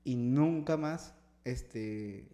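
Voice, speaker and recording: A young Peruvian man with a Peruvian Spanish accent, chatting casually and telling animated stories, acting out voices and laughing. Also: medium pitch, very slow, roomy sound. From Peru. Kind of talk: casual chat.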